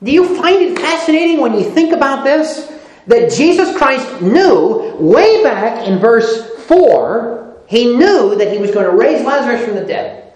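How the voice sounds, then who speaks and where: A preacher giving a sermon, reading scripture aloud and repeating phrases for emphasis, moving between loud emphasis and soft low asides. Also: sing-song, a little slow. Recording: echoey room.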